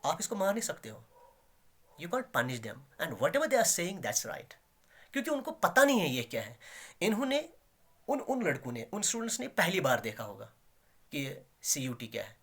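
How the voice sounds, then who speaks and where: In a classroom-style lesson, a Kashmiri-accented man teaches English letters and sounds, explaining slowly, repeating key words and rising emphatically as he pushes hard on his examples. His voice is high-pitched with a fairly bright tone.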